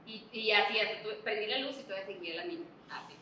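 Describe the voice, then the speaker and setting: A woman in her thirties with a Mexican accent, a pastry chef hosting a casual quick-fire question session, bubbly and quick to laugh, recorded in a kitchen. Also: medium pitch, pushed and bright, slight background noise. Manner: bubbly, laughs often, short quick answers. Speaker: pastry chef and channel host. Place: large home-style kitchen indoors. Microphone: far camera mic. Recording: echoey kitchen, a bit distant.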